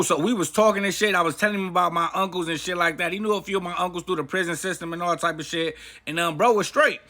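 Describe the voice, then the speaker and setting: A man's voice: high voice, bright, forceful tone. A man telling a personal story in a casual, profane, slang-heavy way. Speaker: vlogger. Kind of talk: storytime monologue.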